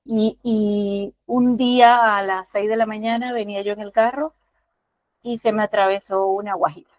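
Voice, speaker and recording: A woman's voice: medium pitch, steady tone, normal speed, no room sound. A woman from Maracaibo with a Venezuelan accent, sharing a personal testimony in class in an earnest, hesitant way with many restarts. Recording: dull, muffled audio.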